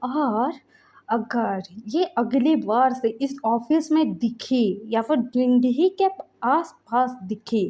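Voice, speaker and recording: A woman's voice: a little high, expressive, takes it slowly. A woman doing a furious protective young man. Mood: cold threatening. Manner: shouting threats, vengeful.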